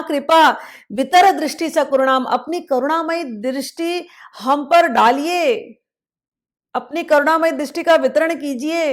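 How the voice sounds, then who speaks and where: A woman giving a spiritual discourse, telling stories expressively and acting out the voices of a mother and a child. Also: high voice. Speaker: spiritual teacher. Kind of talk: devotional discourse.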